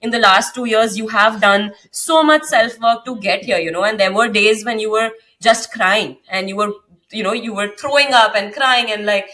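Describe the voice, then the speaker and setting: A woman's voice: medium pitch, normal speed, pushed and bright, far from the mic, rough recording. A hungover young Indian woman hosting a casual podcast, effusive and slangy in her talk. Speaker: podcast host. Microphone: podcast microphone.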